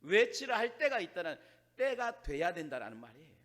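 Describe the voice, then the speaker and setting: A male pastor preaches an animated sermon in a church sanctuary. His voice sits high for a man, and the room's long reverb trails each phrase. He acts out quoted complaints and sinks into hushed asides. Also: fairly quick.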